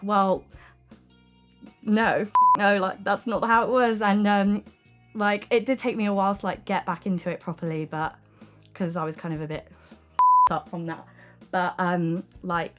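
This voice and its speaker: A young adult woman talking frankly and informally in an interview as an artist, often saying "like" and "um". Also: fairly low pitch. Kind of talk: candid casual interview talk. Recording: music playing behind the voice. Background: music.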